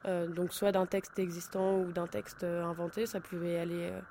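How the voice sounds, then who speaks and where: A woman's voice: on the low side, little pitch movement, moderate pace, mellow, slight background noise. A young woman, an art student, chatting casually in a radio interview with many hesitant fillers.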